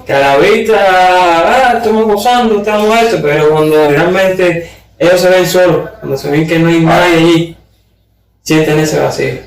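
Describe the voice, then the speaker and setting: Man, podcast host, calm and reflective, far from the mic, roomy echo. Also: fairly high pitch, moderate pace, vocal fry. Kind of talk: casual chat. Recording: echoey, distant from the mic.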